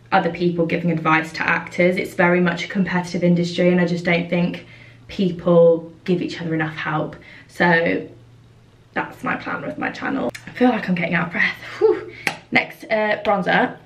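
Chatty woman, roomy distant sound. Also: on the low side. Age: 20s. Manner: chatty, with frequent fillers. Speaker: vlogger. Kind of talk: casual chat while doing makeup.

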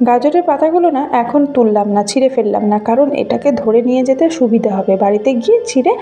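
Out in a rural garden and fields, a Bengali village vlogger films on a handheld phone with soft music underneath. Her mellow voice is fairly high, expressive, and a little fast, chatty and gently enthusiastic as she talks to viewers about what she shows them.

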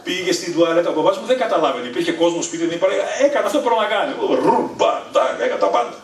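A middle-aged man from Thessaloniki, Greece, telling funny family stories live on stage, animated and leaping to a high excited pitch at punchlines. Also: far from the mic, slight background noise. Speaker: stand-up storyteller. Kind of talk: live stand-up storytelling. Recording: echoey room, voice from afar.

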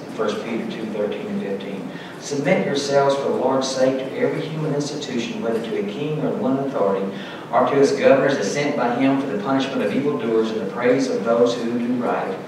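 The recording is echoey and distant, with background noise, as a middle-aged pastor preaches indoors from a church pulpit. His medium-pitched voice reads scripture earnestly, pressing on key words.

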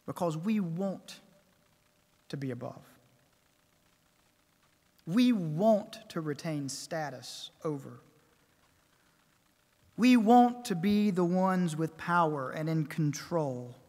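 A man preaching a sermon at a pulpit microphone, measured and emphatic, building his points with repeated phrases. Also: fairly high pitch, animated, a little mellow. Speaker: pastor. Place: church sanctuary. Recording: long church reverb.

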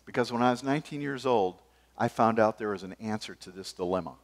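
An older man preaching a sermon from a church pulpit, gesturing as he moves between forceful emphasis and sudden quiet asides. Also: lowish voice, fast talker. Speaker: pastor. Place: church stage behind a wooden pulpit.

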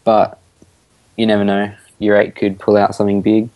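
A teenage boy with an Australian accent, commentating a school esports match in a relaxed, easygoing way. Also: lowish voice, normal speed, low-quality recording. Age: teens. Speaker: student shoutcaster.

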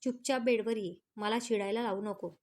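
A possessive, short-tempered young husband from a storybook romance, as a woman reader puts him on. He demands and scolds in a raised voice that sits a little high. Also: fairly even intonation, normal speed, darkish tone, close to an everyday voice. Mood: angry.

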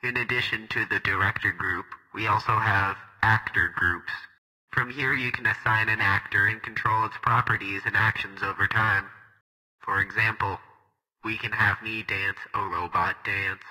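A man's voice: on the low side, fairly even intonation, normal speed, bright, forceful tone, rough recording. A man voicing a boastful, cheerful male robot guide with a robotic voice effect, in a grandiose announcer style. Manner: grandiose, self-praising announcer delivery. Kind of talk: scripted demo narration.

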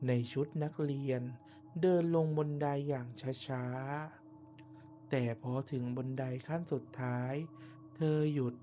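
A man tells a scripted horror tale at a slow, deliberate pace. His voice is soft and dark, set in short phrases with pauses between them. Some ambient noise sits behind the narration. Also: medium pitch, fairly even intonation. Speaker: ghost story narrator. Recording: noticeable background noise and ambience.

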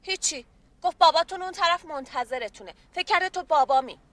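An actress playing a polite, reserved young fiancée who complains about what people think in a sitcom. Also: female voice, extremely high pitch, animated, a bit bright, dry recording. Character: young engaged woman, polite but fussy. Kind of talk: sitcom acting.

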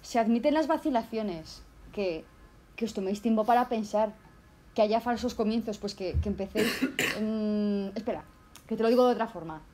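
A woman's voice: mid-range voice, normal speed, dark tone, slight background noise. Chatty Spanish woman teacher. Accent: Zaragoza Spanish. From Spain. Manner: chatty, many fillers and restarts, acts out examples. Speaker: language teacher. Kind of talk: casual video lesson.

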